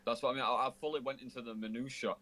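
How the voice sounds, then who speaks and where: Brief: young male streamer, mid-pitched, chatty storyteller who mimics friends. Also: steady tone, very fast, pushed and bright. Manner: storytelling, acts out friends' lines. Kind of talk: casual gaming chat.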